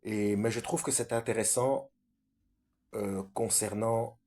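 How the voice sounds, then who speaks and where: A man's voice: lowish voice, fairly even intonation, takes it slowly, vocal fry, mellow. A man giving a casual solo talk on scripture for a video, hesitant and full of fillers and self-corrections. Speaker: Bible study video maker.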